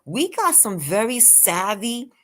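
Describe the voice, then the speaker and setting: A woman guest on an interview show, talking persuasively and animatedly, firing off rhetorical questions and sometimes slowing her voice on purpose. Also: medium pitch. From Latin American heritage. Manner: animated, asks rapid rhetorical questions, deliberately slows her voice at times. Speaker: guest, care and virtual assistant business owner.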